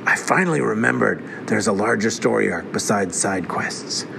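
A man voicing a terse masked male bounty hunter in a low, flat, clipped delivery. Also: moderate pace, gravelly, slight background noise.

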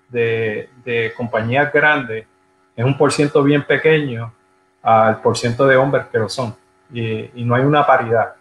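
Measured man hosting, roomy sound. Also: medium pitch, fairly bright tone, a little hiss or hum. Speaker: podcast host. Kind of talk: casual interview over a live video call.

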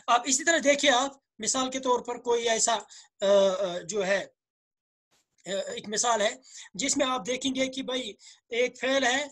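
A man with a Kashmiri accent and slightly hoarse throat, teaching a grammar lesson, asking questions and answering them himself while repeating words slowly. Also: sits high, fairly bright tone. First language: Urdu. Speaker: Arabic teacher.

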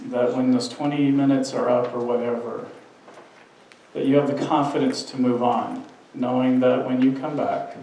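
A man's voice: mid-range voice, mellow, slight background noise. An earnest, conversational male pastor preaching in a church sanctuary. His voice rings through a very reverberant room, picked up from some distance away by the mic. He often trips and restarts mid-sentence as he talks. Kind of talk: sermon.

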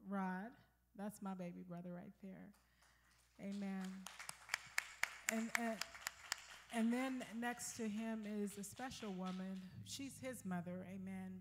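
A woman's voice: mid-range voice, slight background noise. An older woman preaching a sermon in church, praying and reading scripture with frequent amens and hallelujahs. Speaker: guest preacher. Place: church sanctuary.

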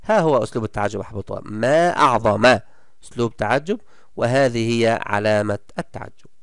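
A man's voice: mid-range voice, clear, resonant tone, dry recording, studio quality. Guy teaching a kids' class, super clean voice, cheering the students on, drags out the example words. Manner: encouraging, praises pupils often; stretches out example words slowly. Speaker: primary school teacher. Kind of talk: recorded online lesson.

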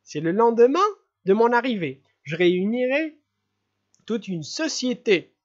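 An audiobook reader voicing a giddy young male prince who rambles, laughs and stumbles over words in excitement. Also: mid-range voice, slow, highs cut off, pitched above the performer's own voice. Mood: giddy, excited.

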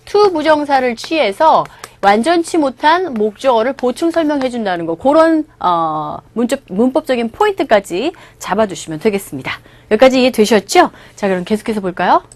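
Lively Korean woman teaching English. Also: on the high side, moderate pace, few pauses. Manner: explains film lines, has students repeat pronunciation. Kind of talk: online English lecture.

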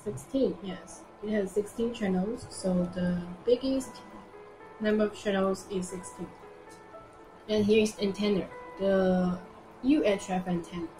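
In an indoor product showroom, a young female presenter gives an informal live demo in a medium-pitched, steady voice. She speaks simple, halting non-native English and repeats phrases, with roomy echo and background music on the recording.

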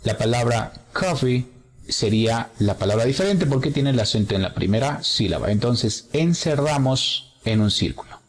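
A man teaching English, slowly explaining exercises step by step and alternating English examples with explanations. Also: mid-range voice, animated, long reverb tail. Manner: slow, explanatory, switches between English examples and Spanish explanation. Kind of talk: bilingual grammar lesson walkthrough.

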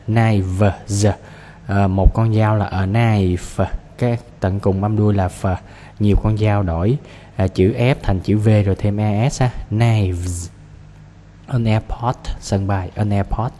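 A male English teacher, going through an exam practice lesson and repeating each word before explaining it briskly. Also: lowish voice, dark tone. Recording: reverberant room with faint noise.

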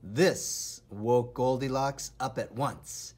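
This children's storybook is read aloud by a man whose voice is mid-range, husky and breathy. His delivery is deliberate, expressive and theatrical.

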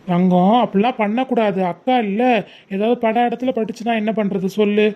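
A gentle, indulgent father in a home drama, played by a woman, talking quickly in a coaxing tone. The sound is dull and lo-fi. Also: mid-range voice, fairly even intonation, natural voice.

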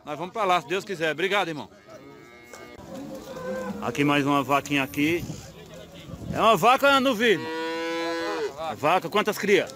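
Walking casually through an outdoor cattle market in Northeast Brazil, a man films himself chatting with sellers and repeating their prices for the camera. His voice is fairly high and expressive, moving at a moderate pace with frequent pauses, while crowd noise fills the background of this on-the-spot video commentary.

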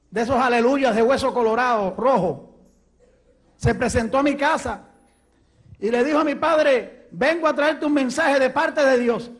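A man in his thirties with a Puerto Rican accent, giving an animated testimony sermon in a church hall on a handheld mic. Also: extremely high pitch. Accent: Puerto Rican Spanish. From Puerto Rico. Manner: animated, gesturing, storytelling. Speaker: preacher. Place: church hall stage at a pulpit.

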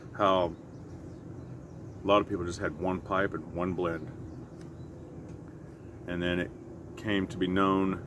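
Middle-aged male vlogger, deep register, unhurried self-correcting storyteller, recorded outside with noticeable ambient hum. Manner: easygoing, halting, self-correcting. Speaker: pipe vlogger. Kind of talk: casual rambling storytelling. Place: outside by a house with siding. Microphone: camera a short distance in front. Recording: clear outdoor traffic or air-conditioner hum.

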